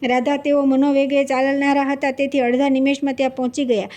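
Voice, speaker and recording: A woman reading a devotional scripture story aloud in a brisk, steady manner with small restarts. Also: high voice. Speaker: scripture reader.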